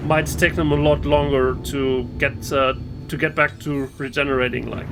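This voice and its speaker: With game music plainly audible under a noisy background, this host talks over his gameplay in a medium-pitched voice that barely moves in pitch. He keeps a moderate pace, rambling casually, hesitating and frequently starting over.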